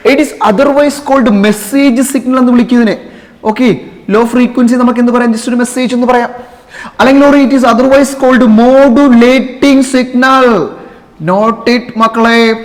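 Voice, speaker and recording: A man teaching physics to students, asking questions and answering them himself, checking again and again that they understood and calling them children. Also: sits high. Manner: addresses listeners affectionately as children. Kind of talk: classroom-style lecture to students. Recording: long reverberant room echo.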